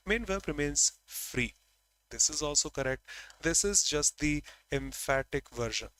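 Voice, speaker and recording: A man's voice: a little high, sharp tone, dry recording, rough recording. A middle-aged man teaching grammar in an online class, stressing words by raising his voice and acting out short dialogues.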